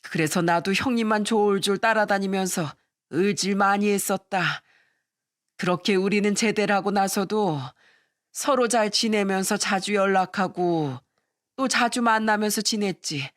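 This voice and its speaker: A woman's voice: medium pitch, a little slow, no echo, studio quality, close to an everyday voice. A woman reading the part of a remorseful man in his sixties, talking in an emotional, pleading way, for an audio story. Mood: reminiscing.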